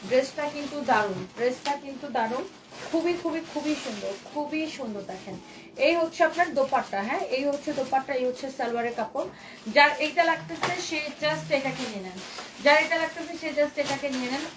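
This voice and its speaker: A woman's voice: high voice, fast, background noise. A woman with a Bangladeshi Bengali accent selling clothes on a live stream, repeating herself in a coaxing way and dropping in English phrases. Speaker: online clothing seller. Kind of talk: live-stream sales pitch. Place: clothing shop.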